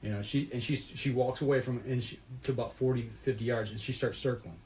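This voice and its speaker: Guy rambling thru an outdoor story, folksy and animated, bit of hiss behind. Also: medium pitch, quick pace. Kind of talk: casual storytelling.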